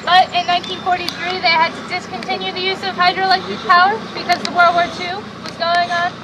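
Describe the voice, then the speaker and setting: High-voiced woman guiding over loud engine noise. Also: flat delivery, fast talker. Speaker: boat tour guide. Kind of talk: informal guided tour narration. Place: outdoors on a tour boat. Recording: noisy outdoor recording with engine rumble.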